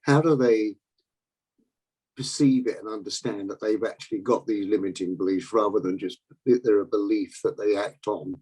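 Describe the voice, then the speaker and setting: English man, husky, lowish voice, hesitant, wordy question. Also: steady tone, normal speed, warm tone, rough recording. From England. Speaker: meeting participant.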